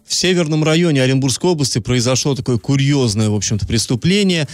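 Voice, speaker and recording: A man's voice: medium pitch, quick pace, over loud music. A man hosting a morning radio show, talking casually with wry asides and rephrasing as he goes. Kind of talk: casual live radio talk with news and sponsor reads. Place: radio studio.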